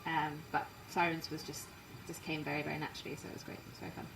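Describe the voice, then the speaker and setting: Quick-talking English woman, roomy sound. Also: deep voice, little pitch movement, creaky, fairly bright tone, distant mic, slight background noise. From England, raised partly in Canada. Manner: quick, chatty, self-deprecating. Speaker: musician guest. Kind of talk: casual interview chat. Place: inside a parked trailer.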